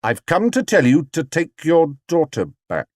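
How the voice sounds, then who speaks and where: A man's voice: on the high side, very animated, a little slow, a little mellow, no room sound, clean studio sound, pitched above the performer's own voice. A man doing a small stubborn bear, earnest and indignant. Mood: earnest, firm. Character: small polite stubborn young male bear.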